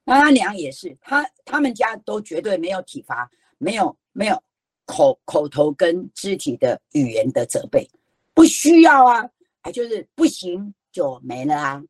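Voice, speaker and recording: An older woman with a Taiwanese Mandarin accent gives a lively lecture on storytelling, folksy and emphatic, firing off rhetorical questions. Her voice sits low and husky, and it leaps up and down in pitch. The sound is close and dry, with no room around it. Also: normal speed, no echo. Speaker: storytelling educator giving a lecture.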